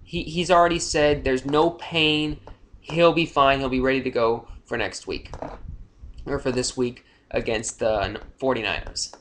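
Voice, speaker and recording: A man's voice: medium pitch, fairly even intonation, a little slow, fairly bright tone, slight background noise. A young man giving casual, unscripted fantasy football injury commentary, rambling with frequent fillers and self-corrections.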